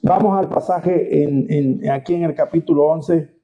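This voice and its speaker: High-voiced preacher, dull recording. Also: male voice, a little slow. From Venezuela. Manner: asks the congregation rhetorical questions; dramatic retelling of scripture. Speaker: pastor. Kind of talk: sermon. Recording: dull lo-fi sound.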